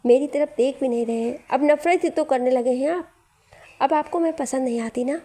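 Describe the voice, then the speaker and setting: A woman's voice: high voice, moderate pace, warm tone. A woman voicing a hurt, insecure young bride pleading with her husband.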